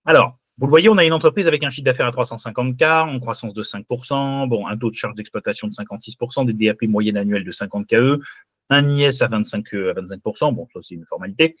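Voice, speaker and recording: A man's voice: mid-range voice, fast, no echo, lo-fi sound. A man teaching a live online class who walks through a spreadsheet and keeps asking "d'accord?" to check the students are following. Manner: lively, checks in often with "d'accord?". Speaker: finance teacher.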